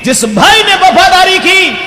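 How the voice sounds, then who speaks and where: A man's voice: extremely high pitch, big pitch swings, slow, bright, forceful tone. A man telling a folk tale as a storyteller, moving between declaimed speech and song, heard on an old worn tape recording. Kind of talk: sung and spoken folk tale narration. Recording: old echoey hall recording with music. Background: music.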